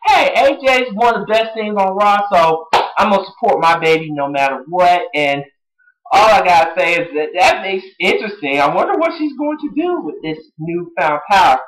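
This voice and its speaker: A wrestling show reviewer recapping an episode in a casual vlog, excitable and full of fan slang. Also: medium pitch, moderate pace, rough recording. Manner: excitable, breaks into song and impressions.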